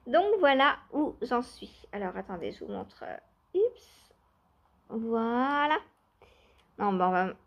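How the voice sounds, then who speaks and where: A woman chatting casually in a knitting vlog, laughing often and filling pauses with hesitations. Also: a little high, dull audio. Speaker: knitting vlogger. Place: outdoors or by open door, cool weather.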